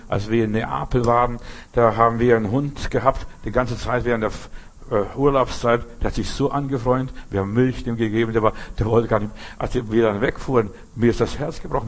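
An older man preaching a sermon in an emphatic, conversational way, often checking whether listeners understand. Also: mid-range voice. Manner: emphatic, conversational, asks "verstehst?".

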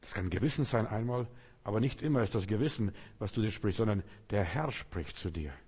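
A man with a husky, somewhat breathy voice delivers a sermon, building his points in short repeated phrases aimed straight at the listener. His voice rings out with a long reverb, as in a large hall. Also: fairly low pitch, quick pace, darkish tone. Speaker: preacher.

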